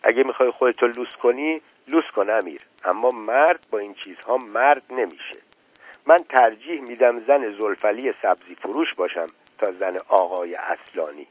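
A man's voice: mid-range voice, animated, breathy edge, dry recording, poor audio. A man voicing a fierce, scornful wife and protective mother in a radio book reading, cutting in tone.

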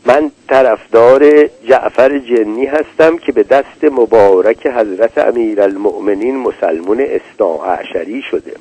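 A man voicing a sulky, devout character in a story read aloud, speaking slowly and softly. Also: mid-range voice, slightly rough, muffled recording, lightly acted. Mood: earnest.

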